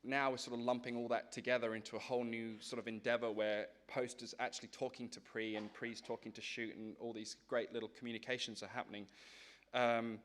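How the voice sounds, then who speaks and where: Man explaining informally, medium pitch. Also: flat delivery, moderate pace, fairly bright tone. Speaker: film professional, conference presenter. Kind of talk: explanatory conference talk.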